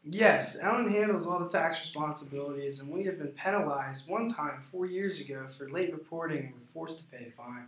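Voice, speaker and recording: A man with a slightly high voice plays the client in a rehearsed business conversation. He talks in a measured, formal manner. The room around him sounds clearly echoey. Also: fairly bright tone. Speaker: prospective client in a sales role play.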